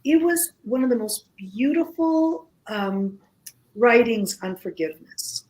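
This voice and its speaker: A woman who first spoke Greek joins a casual radio conversation as a guest, her speech slow and halting, full of pauses and fresh starts. She sounds fairly high-pitched and animated with a darkish tone, on a low-quality recording.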